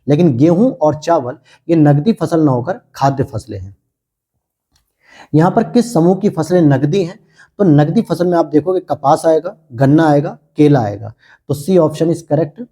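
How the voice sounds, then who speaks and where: A man runs through exam questions in a teacherly lecture, asking each one aloud and then answering it himself. His voice sits a little high but sounds dark and mellow, with a husky edge. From India.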